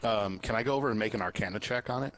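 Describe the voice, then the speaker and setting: A man's voice: lowish voice, racing, a bit bright. A man playing a tabletop game, talking casually and chattily with the group. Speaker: player.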